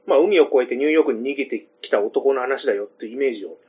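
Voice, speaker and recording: A man's voice: medium pitch, rapid-fire, husky. A man chatting casually about a film as a podcast guest, jokey and talkative. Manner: chatty, jokey, drops into impressions. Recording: dull lo-fi audio.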